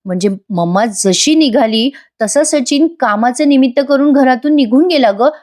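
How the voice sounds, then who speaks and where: A woman's voice: sits high, normal speed, darkish tone, natural voice. Woman reading as a suspicious young wife, pressing questions. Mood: confiding. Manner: questioning, accusing.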